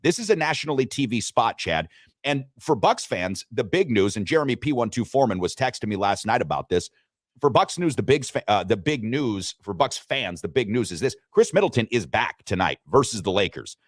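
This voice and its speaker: A man hosting a sports talk show, talking betting lines with animated delivery and frequent restarts. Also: medium pitch, fairly quick, no room sound, clean studio sound. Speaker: sports radio host.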